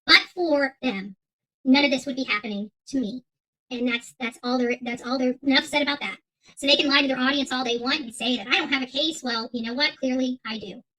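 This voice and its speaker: Poor audio captures an online commentary host's improvised rant to her audience, belligerent and emphatic, with phrases repeated for weight. The woman's voice is high-pitched, bright and forceful, and she speaks fairly quickly.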